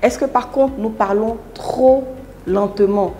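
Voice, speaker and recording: A woman giving a public speaking lesson in scripted narration, deliberate, with emphatic pauses and big shifts between loud and soft. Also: a little high, a little hiss or hum. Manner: deliberate, with emphatic pauses and wide swings in loudness.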